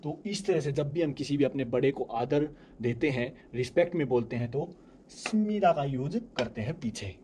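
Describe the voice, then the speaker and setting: A young man teaching a language class, explaining grammar step by step and slowly repeating each example. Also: medium pitch, expressive, mellow, a little hiss or hum. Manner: repeats examples slowly, asks and answers own questions.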